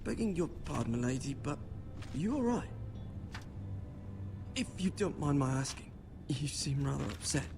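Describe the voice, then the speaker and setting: Meek, observant serving lad, respectful and halting, fantasy game dialogue over a score. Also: male voice, mid-range voice, very animated, vocal fry, music in the background. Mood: apologetic, concerned. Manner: hesitant, respectful. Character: humble, deferential young servant boy, kindly and observant.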